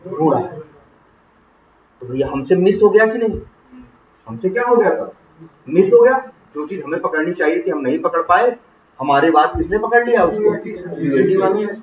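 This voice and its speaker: High-voiced man lecturing in a roomy classroom. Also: expressive, normal speed, pauses often, slight background noise. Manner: asks the class questions and answers them himself. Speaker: software testing teacher. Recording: roomy, distant, muffled classroom recording.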